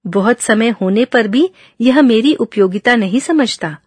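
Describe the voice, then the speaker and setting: A woman's voice: a little high, lively intonation, a little slow, slightly rough, no room sound. A woman reading the lines of a resentful male watchdog in a fable, complaining about his master. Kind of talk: reading a storybook fable aloud.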